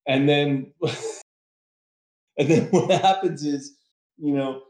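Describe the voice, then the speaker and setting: A man's voice: fairly high pitch, drawn-out words, a little mellow. A man co-hosting a casual podcast, giving an opinionated rant. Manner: opinionated, ranting. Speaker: podcast co-host. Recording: roomy echo.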